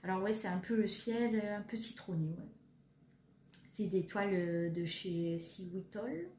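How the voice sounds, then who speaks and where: A woman's voice: mid-range voice, unhurried, a little mellow. A woman in her thirties from France, chatting casually with lots of fillers as she shows her cross-stitch projects. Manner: chatty, hesitant, many fillers, self-deprecating. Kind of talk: casual show-and-tell chat. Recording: echoey room, faint background noise.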